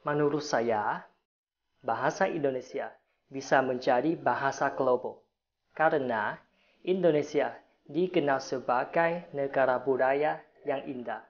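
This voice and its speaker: A woman's voice: rumbling low, unhurried. A woman gives a prepared testimonial as a careful learner of Indonesian. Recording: slightly dull audio.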